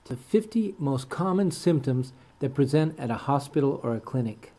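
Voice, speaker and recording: A middle-aged man teaching medical English in a dictionary pronunciation manner, saying terms and example sentences with deliberate, careful enunciation. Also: mid-range voice, animated, dark tone, slight background noise.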